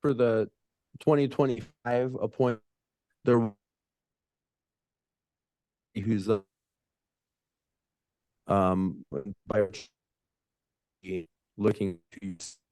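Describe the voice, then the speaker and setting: A man's voice: on the low side, little pitch movement, very slow, long pauses, a little mellow, no room sound, low-quality recording. A man speaking in an online committee meeting whose video call audio is choppy and keeps dropping out.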